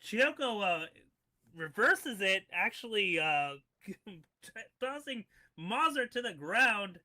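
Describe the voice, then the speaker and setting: A male wrestling commentator with a very high, sharp voice calls the moves in exclamations. His delivery is excitable and unhurried in pace, lingering on the words.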